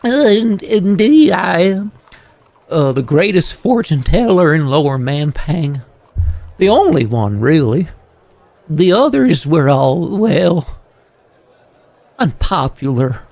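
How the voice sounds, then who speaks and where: A man's voice: fairly high pitch, sing-song, takes it slowly, gravelly, long pauses, darkish tone, no echo, exaggerated voice. A man voicing a squat, fearful game creature, a reluctant fortune teller who talks hesitantly and evasively. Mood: sheepish, resigned. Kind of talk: voiced game character on a livestream.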